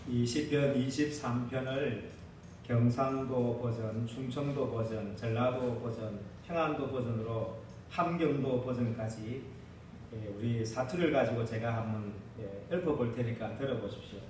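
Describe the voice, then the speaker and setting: A man's voice: medium pitch, measured pace, a little mellow. A male pastor preaching a sermon and leading a responsive reading, asking his congregation questions and answering them himself. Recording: echoey, distant mic, faint noise.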